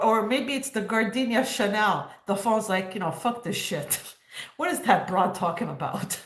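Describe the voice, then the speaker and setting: A woman's voice: medium pitch, roomy sound. A woman in her fifties hosting a casual livestream, joking and sarcastic, laughing often. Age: 50s. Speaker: livestream host.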